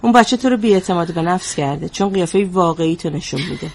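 An actress playing a female therapist who asks calm, probing questions. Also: lowish voice. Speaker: psychologist. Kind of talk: drama dialogue.

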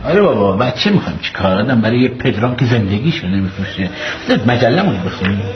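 An actor playing a joking young husband who plans the costs of a baby in a mock-cheerful, sarcastic way. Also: male voice, on the low side, very animated, very noisy. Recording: roomy, dull clip with faint ambience.

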